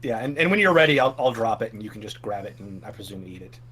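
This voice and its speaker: A man's voice: on the low side, animated, fast talker, a bit bright, breathy edge. A man playing a tabletop game, stammering and restarting as he explains his character's moves. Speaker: player. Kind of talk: casual tabletop role-play.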